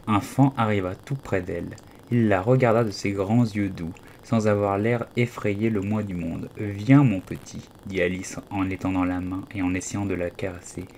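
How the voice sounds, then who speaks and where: A man reading an audiobook aloud in a calm storytelling manner. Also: lowish voice, slight background noise. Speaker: audiobook reader. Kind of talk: audiobook narration.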